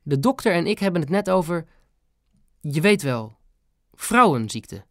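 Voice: mid-range voice, sing-song, no echo, studio quality, pitched above the performer's own voice. A narrator voicing a feisty, fussy old grandmother in a hospital bed, in an audiobook reading. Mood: chatty. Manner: quick, incredulous, fussy.

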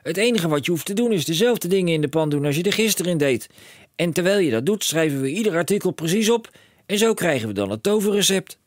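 A man doing a shrill, frantic storybook dad. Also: big pitch swings, normal speed, no echo. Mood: overexcited. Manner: shouting, breathless overexcited rants. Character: excitable bellowing middle-aged father, inventor-mad. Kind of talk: audiobook character voice.

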